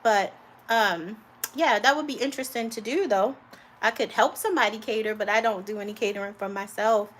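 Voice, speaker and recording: A woman's voice: medium pitch, a little fast, a bit bright, slight background noise. A woman home cook on a live cooking stream, chatting casually with viewers and calling them honey and guys.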